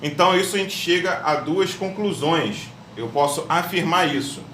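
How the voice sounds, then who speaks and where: A man's voice: a little high, normal speed, pushed and bright, distant mic. A man teaching a music theory lesson step by step, often checking in with his students. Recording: echoey room, voice off-mic, faint hum.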